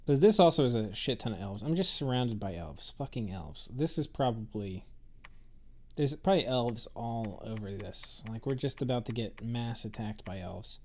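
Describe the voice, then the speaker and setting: A man's voice: medium pitch, lively intonation, moderate pace, few pauses. Man thinking aloud over a strategy game. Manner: rambling, thinks aloud with many fillers and restarts. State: has the hiccups. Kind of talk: casual gameplay commentary.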